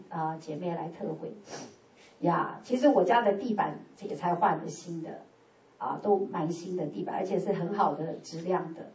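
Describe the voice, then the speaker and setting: A woman giving a sermon testimony, lively, swinging from loud exclamations to hushed prayerful tones and laughing often. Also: fairly low pitch. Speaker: church speaker giving testimony. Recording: roomy, distant and dull church sound.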